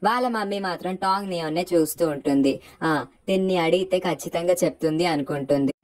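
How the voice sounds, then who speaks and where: Woman with a slightly low voice recapping a drama. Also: a little fast. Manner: steady retelling, voicing quoted lines in her own voice. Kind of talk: casual spoken plot recap.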